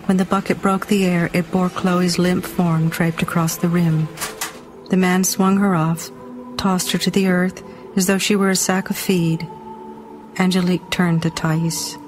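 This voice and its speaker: A woman narrating an audiobook in a dramatic, expressive reading style. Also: on the low side, unhurried, faint music behind.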